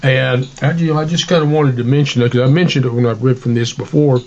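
A man's voice: medium pitch, fairly even intonation, quick pace, highs cut off, slight background noise. A man chatting casually about history as a radio co-host, in a folksy, rambling, informal way.

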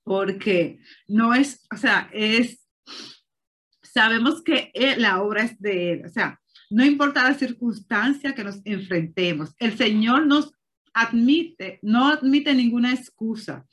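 A woman's voice: a little high, takes it slowly, fairly bright tone. A woman giving an earnest sermon to a congregation, often restarting and saying "o sea" as she exhorts. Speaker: church speaker.

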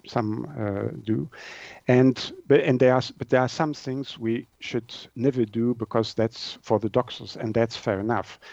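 A Swiss man in his sixties, a native French speaker with a Swiss French accent, is a naturopath and author being interviewed. He answers conversationally and hesitantly, searching for words, in a mid-range, slightly mellow voice. The audio is dull, with no room sound.

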